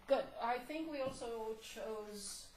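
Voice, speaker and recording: Woman, math instructor, hoarse voice, slow deliberate lecture, echoey classroom, faint background noise. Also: a little high, darkish tone. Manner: slow, deliberate, prompting questions. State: hoarse, coughing.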